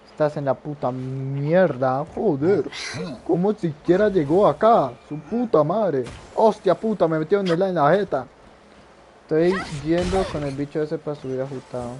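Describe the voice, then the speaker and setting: A man's voice: a little high, a little slow, slight background noise. A male gamer talks through his own play in a slightly raised voice. He is loose and foul-mouthed and keeps throwing in sound effects as he goes. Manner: profane, excitable, blurts sound effects. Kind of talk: casual gameplay commentary.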